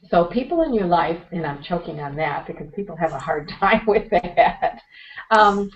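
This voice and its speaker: A low-pitched woman whose voice is going hoarse speaks as a guest in an interview. She talks in an earnest, motivational way and clears her throat now and then. The recording is a little dull and muffled. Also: expressive, unhurried. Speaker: interview guest, meditation teacher. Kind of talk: conversational advice-giving.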